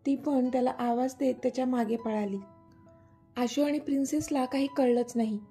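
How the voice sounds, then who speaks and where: A woman narrating a serialized family story in a steady, expressive reading. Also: sits high, normal speed. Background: soft background music.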